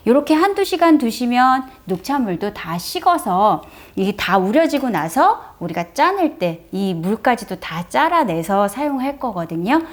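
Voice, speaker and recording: A middle-aged woman chatting through a step-by-step home demonstration, friendly and explanatory, presenting for a brace clinic. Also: mid-range voice. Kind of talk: casual how-to demonstration.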